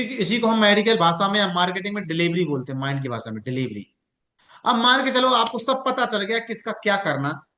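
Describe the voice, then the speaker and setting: A man's voice: high-pitched, pushed and bright, echoey room. A man teaching a class on mind techniques, explaining through examples and questions he puts to his listeners.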